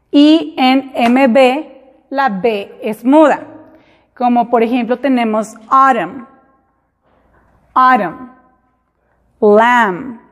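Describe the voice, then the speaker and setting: A woman teaching a class, explaining slowly and repeating example words in English. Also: sits high. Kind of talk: classroom lesson. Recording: hall reverb.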